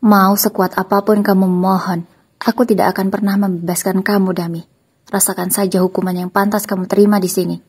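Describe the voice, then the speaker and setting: A cold, betrayed husband lays out his threats sternly, as a woman reader gives him voice. The voice stays mellow and dark with a heavy husky grain. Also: fairly low pitch.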